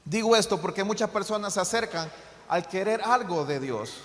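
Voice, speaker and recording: A man's voice: high-pitched, lively intonation, moderate pace, fairly bright tone. A man preaching a sermon as pastor, with many hesitant fillers, lifting his voice to fervent cries when he quotes pleas from scripture. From Honduras. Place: church hall. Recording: long hall reverb.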